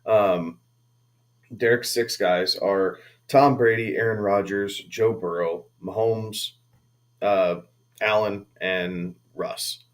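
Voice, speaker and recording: A man's voice: lowish voice, fairly even intonation, slow pace. A man co-hosting a casual fantasy football podcast, easygoing and thinking aloud with fillers. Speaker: podcast co-host.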